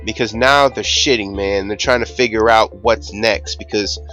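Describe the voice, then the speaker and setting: A man's voice: fairly low pitch, steady tone, normal speed, bright, forceful tone, faint music behind. Man ranting profanely to camera. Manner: profane, rambling, emphatic. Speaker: YouTube channel host. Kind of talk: casual ranting monologue.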